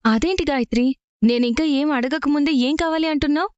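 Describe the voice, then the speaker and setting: A woman's voice: high-pitched, brisk, darkish tone, no echo, highs cut off, close to an everyday voice. An actress playing an earnest, persistent young married woman who is asking for help. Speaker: actor in a TV serial. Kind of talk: TV serial acting.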